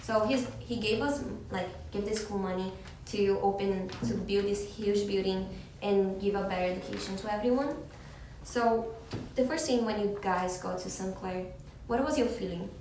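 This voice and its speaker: This student, a young adult woman, leads a focus group in a hesitant but reassuring way, full of ums. Her voice is medium-pitched and darkish, at a moderate pace. The audio is captured from far off in an echoey room, with background noise.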